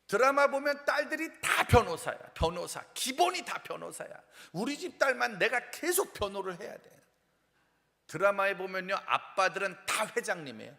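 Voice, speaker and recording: A male pastor preaching a humorous revival sermon in a church sanctuary. His voice is high and bright, and his pitch swings widely as he jokes with the congregation. A long hall reverb trails behind every line. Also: normal speed, creaky. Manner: playful, animated, acts out quoted complaints and sings snippets.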